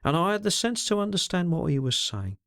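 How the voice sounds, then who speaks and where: A man voicing an earnest young woman, soft-spoken. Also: sits high, sing-song, a little fast, no room sound, studio quality, pitched above the performer's own voice, heavily acted. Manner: soft, pleading, sincere.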